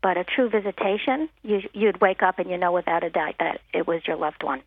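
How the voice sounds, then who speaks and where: A woman's voice: lowish voice, fairly quick, no echo. A woman medium speaking as an interview guest, earnest and reassuring, often saying "you know". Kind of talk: phone-in interview. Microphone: telephone. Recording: narrow telephone line.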